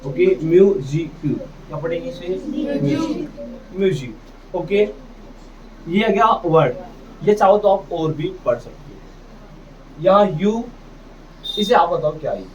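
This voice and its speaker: A male teacher drills English pronunciation, asking what each word says and answering it himself. He speaks slowly in a fairly high voice. The sound is dull and distant, with a faint hiss behind it. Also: lively intonation. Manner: drills pronunciation, asks and answers his own questions. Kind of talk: classroom phonics lesson.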